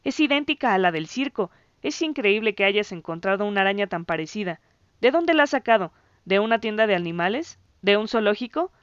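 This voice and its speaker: A woman voicing an excitable boy who stammers and shouts insults at his friend. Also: medium pitch, fairly quick, smooth, dry recording, muffled recording, natural voice. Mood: amazed.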